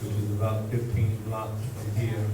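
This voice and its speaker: Panelist, man in his 60s, from New Orleans, flat and plainspoken, recorded distantly in an echoey hall. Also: fairly low pitch, normal speed, background noise. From New Orleans, Louisiana. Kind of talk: panel discussion. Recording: echoey hall, mic from far off.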